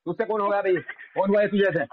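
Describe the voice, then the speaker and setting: A man's voice: high voice, steady tone, fast talker. A man in a heated religious debate, aggressively repeating his demands and hurling insults. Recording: dull lo-fi audio with crowd noise.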